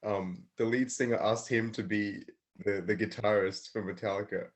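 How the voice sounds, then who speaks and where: A man's voice: on the low side, fairly even intonation, moderate pace. A young man co-hosting a podcast, easygoing and laughing often in casual chat. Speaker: podcast co-host.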